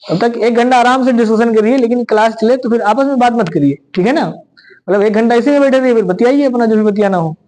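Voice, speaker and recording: A man teaching a classroom of exam students, speaking loudly, repeating himself and checking "right?" after each point. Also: very high-pitched, fast talker, low-quality recording. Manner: loud, repetitive, keeps asking "right?". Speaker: reasoning teacher. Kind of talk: classroom lecture.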